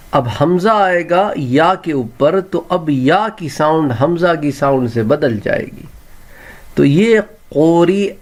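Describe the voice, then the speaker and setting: Slow, deliberate male reading teacher. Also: a little high. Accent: Pakistani Urdu. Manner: says each word slowly and stretched, then repeats it. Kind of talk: recorded reading lesson.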